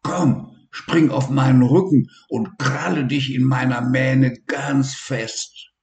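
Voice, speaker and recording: A man's voice: mid-range voice, fairly even intonation, slow, vocal fry, echoey room, voice pushed up. A man voicing a proud, caring male lion king in a storybook reading. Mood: reassuring. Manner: reassuring, bold, loud roars.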